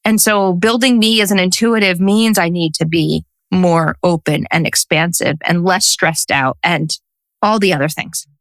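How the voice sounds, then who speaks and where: Lower-voiced woman in her forties, animated. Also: moderate pace, dry recording. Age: 40s. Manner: animated storyteller who acts out quotes. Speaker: guest, social worker and intuitive coach. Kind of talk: casual interview conversation.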